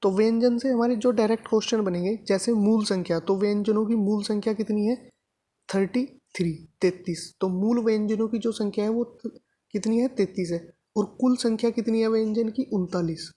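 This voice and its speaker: Mellow, husky woman teaching a lesson. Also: medium pitch. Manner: explains step by step, asks and answers her own questions; repeats points with frequent "thik hai" checks. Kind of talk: Hindi grammar lesson for exam students.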